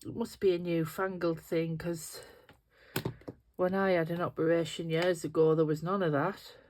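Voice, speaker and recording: Her voice sits fairly low, with a level tone, darkish color and normal speed, and there's slight hiss or hum in the background. The middle-aged resin craft host, nasal and sniffly, chats casually and thinks aloud while working through the tutorial by hand.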